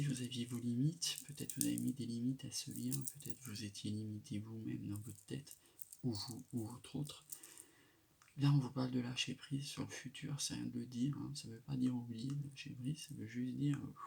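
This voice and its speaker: A man giving a quiet, whispered late-night tarot reading in a hushed, gravelly voice. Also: medium pitch, steady tone, normal speed. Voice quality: gravelly, creaky. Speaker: tarot card reader. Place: indoors at night. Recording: noisy amateur live recording with clicks.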